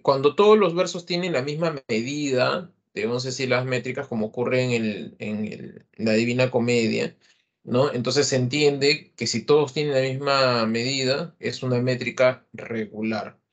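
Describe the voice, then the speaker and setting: A man with a Peruvian Spanish accent gives an online literature lesson in a mid-pitched voice. He talks through each point patiently and keeps checking in with short tag questions. His speech is full of hesitation fillers. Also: fairly even intonation, moderate pace. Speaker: literature teacher. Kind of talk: online class lecture.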